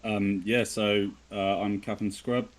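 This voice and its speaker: A man's voice: lowish voice, flat delivery, takes it slowly. A man with an English West Country accent chatting casually, informal and a little hesitant as he talks about himself. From southwest of England. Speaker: podcast guest. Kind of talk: casual chat.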